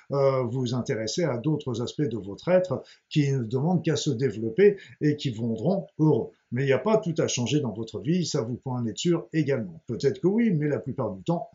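Homme qui explique simplement, son un peu sourd. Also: male voice, medium pitch, dark tone. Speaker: guided meditation leader. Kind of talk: informal spoken explanation before a meditation. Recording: dull lo-fi sound with music behind.

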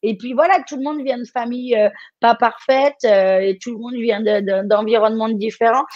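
A woman's voice: on the high side, steady tone, normal speed, a little mellow, no echo, highs cut off. A woman from France coaching someone live, speaking directly and encouragingly with frequent restarts.

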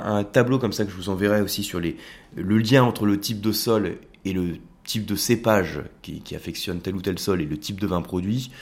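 A man with a lowish voice hosts an educational wine podcast, explaining at length in a casual, hesitant manner full of fillers.

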